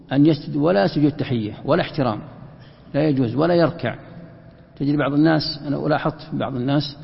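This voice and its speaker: A man's voice: mid-range voice, vocal fry. A man giving a Quran commentary lesson, asking questions and then answering them himself. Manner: asks and answers his own questions. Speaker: Quran teacher. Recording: dull lo-fi sound in a reverberant hall.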